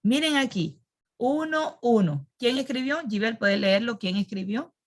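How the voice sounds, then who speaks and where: A woman's voice: fairly high pitch, lively intonation, a little slow. A woman teaching a Sunday school Bible lesson. She quizzes her class, repeats key words and keeps checking that they follow along.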